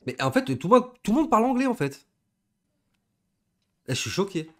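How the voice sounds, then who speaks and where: A young man from southern France giving casual, slangy reaction commentary with excitable, laughing asides. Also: high voice, moderate pace. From southern France, Gard area. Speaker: reaction video host.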